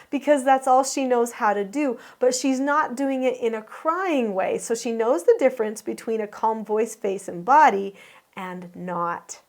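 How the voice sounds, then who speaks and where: A woman's voice: fairly high pitch, a little mellow. Earnest woman explaining parenting. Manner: earnest, explanatory, asks viewers questions. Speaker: host and parenting teacher. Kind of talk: explaining a home video to viewers.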